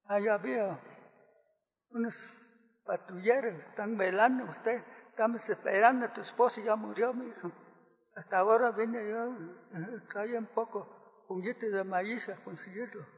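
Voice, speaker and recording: An older man from Guatemala giving halting, soft-spoken testimony as a witness in court. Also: sits high, big-room sound.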